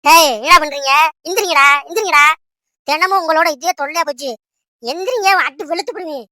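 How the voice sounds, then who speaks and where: A woman voicing a bossy mother in a cartoon who nags her husband and children in quick, scolding bursts. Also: high voice, steady tone, pushed and bright, no echo, studio quality. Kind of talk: Tamil cartoon voice acting.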